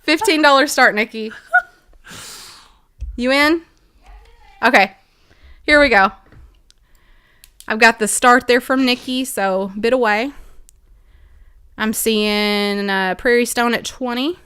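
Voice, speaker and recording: A woman with a somewhat high voice runs a live online auction. She calls out bids briskly and mixes in playful banter with her co-host. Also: a bit bright, clean tone.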